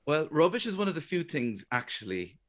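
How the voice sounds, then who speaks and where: A man's voice: fairly high pitch, brisk, slight background noise. A middle-aged Irish man, a guest comedian, talking chattily and jokingly in a radio interview. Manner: chatty, animated, jokey storytelling.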